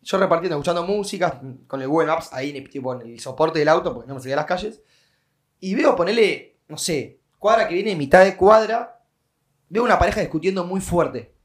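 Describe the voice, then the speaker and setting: A young man with an Argentine accent tells a story on a podcast. His voice sits high for a man, and he acts out the sounds and voices in his tale with lively energy. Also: a little fast. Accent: Argentine Rioplatense Spanish. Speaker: podcast guest. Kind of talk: casual storytelling.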